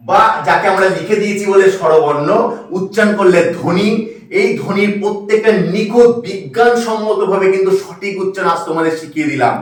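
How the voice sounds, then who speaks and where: High-voiced man teaching in an echoey room. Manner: repetitive, quizzing the viewer. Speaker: Bengali language teacher. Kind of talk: explanatory online lesson. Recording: echoey room, mic far off.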